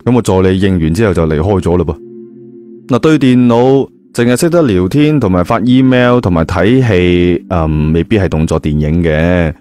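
A storyteller with a low voice reads an audio novel in colloquial Hong Kong Cantonese. He speaks at a normal pace in a dark, mellow tone while faint music plays behind him.

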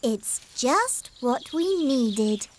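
A woman voicing a small, cheerful, curious mole sister in a children's cartoon, with a childlike, slow, sing-song delivery. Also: high-pitched, animated, exaggerated voice. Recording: music behind the voice.

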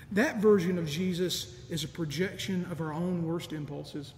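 A middle-aged deacon preaches a sermon in a large, empty church sanctuary, measured and earnest, with soft laughs. He speaks into a stand mic in front of the lectern while a camera records from a distance. The echoey church gives long reverb, with a faint rumble beneath.

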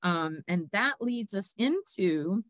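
A woman's voice: mid-range voice, animated, slow pace, no echo. A woman hosting an online quiz show, walking through the results in a chatty way with many fillers and frequent laughs. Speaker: host. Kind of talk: casual presentation of competition results.

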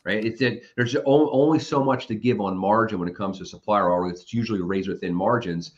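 A man speaking as an automotive industry analyst in a conversational interview, thinking aloud and often restarting his sentences. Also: on the low side. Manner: quick, thinking-aloud delivery with frequent restarts. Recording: slightly dull lo-fi sound.

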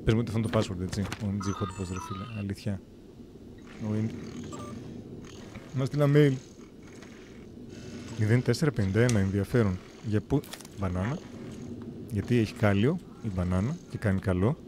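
A man's voice: on the low side, long pauses, noisy background. A man streaming a game live, joking and talking to himself and the game as he plays. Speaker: gameplay streamer. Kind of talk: live gameplay commentary. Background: game music.

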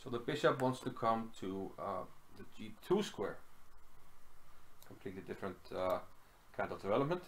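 Middle-aged man from Iceland, low voice, relaxed home-desk chess commentary with many fillers. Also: normal speed. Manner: relaxed, thinking aloud with frequent fillers. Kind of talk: casual chess game analysis. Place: small room at home.

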